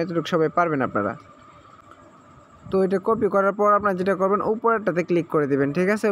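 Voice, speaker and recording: A tutorial host with a high-pitched voice records his screen while showing how to sign up for an app, and there is slight background noise. He moves step by step with repetitive instructions and frequent check-ins, mixing in English words.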